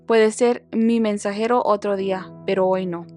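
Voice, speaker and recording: A woman's voice: medium pitch, fairly even intonation, normal speed, dark tone, faint music behind, close to an everyday voice. A woman reading the lines of a stern, blunt male army commander in a matter-of-fact voice.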